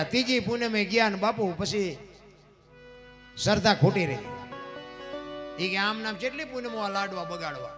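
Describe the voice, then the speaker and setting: A man telling a devotional folk story on stage, moving dramatically between hushed narration and loud acted lines. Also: high voice.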